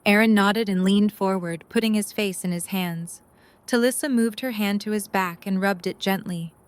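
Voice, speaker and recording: A woman narrates an audio drama, reading scripted story narration at normal speed in a medium-pitched voice.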